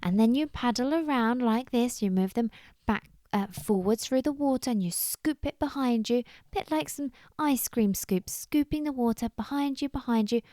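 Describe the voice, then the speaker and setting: A kind little female water vole, voiced by a woman, talks in a gentle, patient and encouraging way. Her voice is a little higher than the woman's own, and the recording is dry. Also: moderate pace, no room sound, natural voice.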